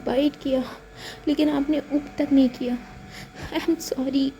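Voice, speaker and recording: A woman voicing a remorseful young woman who apologizes haltingly. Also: high voice, little pitch movement, mellow, a little hiss or hum, rough recording.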